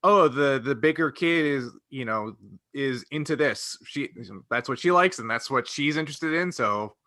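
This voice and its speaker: Recorded cleanly in a studio with no echo, a podcast co-host speaks at a normal speed in a mid-range voice that sounds pushed and bright. His casual recollections ramble and falter, and he keeps cutting himself off to revisit what he said.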